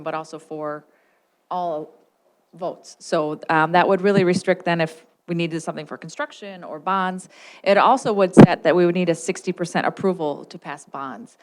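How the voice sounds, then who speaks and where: Woman board member, low voice, halting delivery full of fillers, public meeting. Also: smooth.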